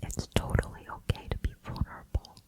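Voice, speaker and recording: A woman giving a gentle, reassuring pep talk in an ASMR whisper, close to the microphone. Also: a little fast. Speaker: ASMR host.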